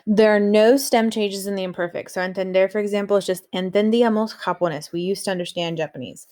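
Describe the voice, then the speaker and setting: A woman's voice: mid-range voice, fast talker. Woman teaching Spanish grammar. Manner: steady explanatory pace, reads example sentences aloud. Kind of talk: recorded grammar lesson.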